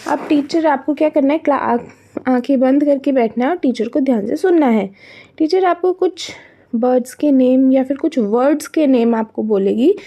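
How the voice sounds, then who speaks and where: This woman, a primary school teacher with an Indian accent, speaks in a high-pitched, dark-toned voice at normal speed. She leads young children through a workbook, mixing Hindi and English and posing questions she then answers herself.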